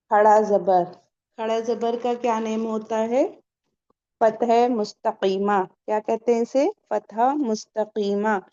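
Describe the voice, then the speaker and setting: A woman's voice: medium pitch, warm tone, lo-fi sound. A woman teaching a Quran recitation lesson, patiently quizzing her class and answering her own questions. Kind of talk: online tajweed lesson.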